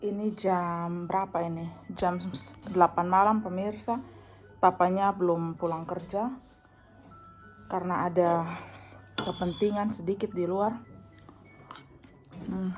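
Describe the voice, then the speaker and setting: A woman's voice: fairly low pitch, fairly even intonation, unhurried, pauses often, faint music behind. A woman, vlogging casually at home and cooing to her baby between remarks to viewers. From Indonesia. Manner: chatty, coos softly to her baby, sometimes drops to a hush.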